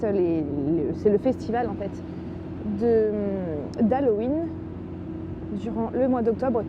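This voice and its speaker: A woman's voice: a little high, muffled recording, noisy background. A woman narrating a casual travel vlog in a chatty, enthusiastic way, with many fillers. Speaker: travel vlogger.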